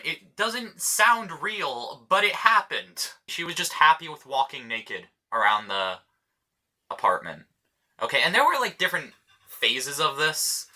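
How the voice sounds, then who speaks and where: A man's voice: medium pitch, bright, forceful tone. A young man telling stories in a casual vlog, blunt and rambling, swearing often. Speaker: vlogger.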